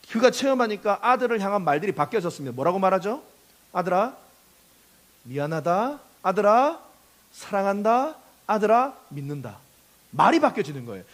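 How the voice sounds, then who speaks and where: A man preaching a sermon as pastor, impassioned, acting out quoted speech and leading the congregation in call-and-response. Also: high-pitched.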